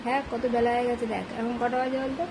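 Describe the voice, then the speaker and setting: A high-voiced woman speaks casually, like a mother running a home vlog. Her manner is playful and chiding, homely and informal. The recording carries clear household noise. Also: level tone, quick pace. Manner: nagging, playful, chiding family talk. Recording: noisy home phone-video recording.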